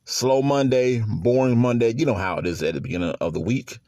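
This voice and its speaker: A man's voice: medium pitch, a little fast, dark tone, no room sound. Easygoing man hosting a dry sports podcast. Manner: easygoing, chuckles often, repeats words. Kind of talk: casual solo podcast talk.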